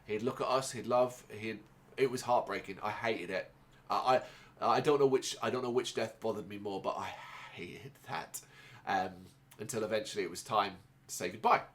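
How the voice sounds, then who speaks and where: A podcast host who grew up in Ireland speaks in a fairly low pitch, delivering a casual personal monologue. He rambles and halts, often restarting and leaning on fillers.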